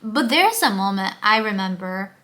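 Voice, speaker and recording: Speaking at a moderate pace in a medium-pitched, slightly bright voice with lively intonation, a young woman opens up emotionally to camera in a casual confessional vlog. She is candid and fills her speech with lots of "um" and "like."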